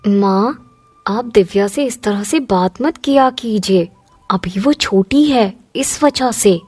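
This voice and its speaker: A woman voicing a gentle, humble young woman, an older sister in a cartoon, who talks softly. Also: medium pitch, slow pace, slightly rough, no echo, faint music behind. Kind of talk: cartoon dubbing.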